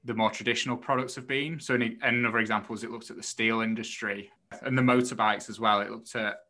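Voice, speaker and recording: A man's voice: lowish voice, fairly even intonation, fast, pushed and bright. A man co-hosting a podcast, explaining things in casual, somewhat tentative conversation. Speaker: podcast co-host reviewing a book.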